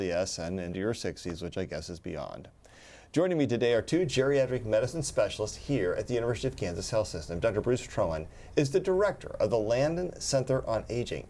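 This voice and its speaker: A man's voice: on the low side, dark tone. A man in his sixties hosting a health talk show in a chatty way, with jokey asides. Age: 60s. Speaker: host.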